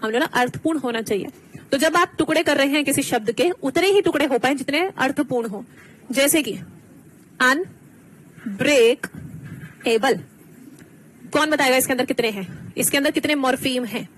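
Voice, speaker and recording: A woman teacher giving an online exam-prep lesson, explaining slowly, switching between two languages and quizzing her students. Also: sits high, a little hiss or hum, low-quality recording.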